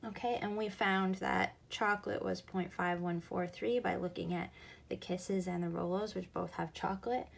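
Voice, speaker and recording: A woman's voice: fairly low pitch, steady tone, normal speed, vocal fry. A woman teaching a recorded math lesson, explaining patiently and going back over each key point.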